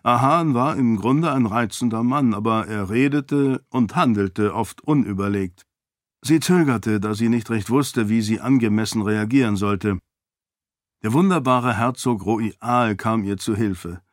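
A man calmly narrating a fantasy audiobook in a measured, even way, close to the mic. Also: on the low side, no room sound. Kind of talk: scripted narration.

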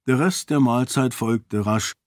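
A man narrating a novel with measured, even delivery. He reads very slowly and deliberately. The recording is dry and close. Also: medium pitch, no room sound. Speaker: audiobook narrator. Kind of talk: scripted narration.

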